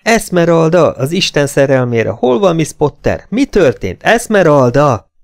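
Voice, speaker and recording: A man voicing an urgent young gentleman who shouts questions and commands. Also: fairly high pitch, animated, smooth, voice pushed up.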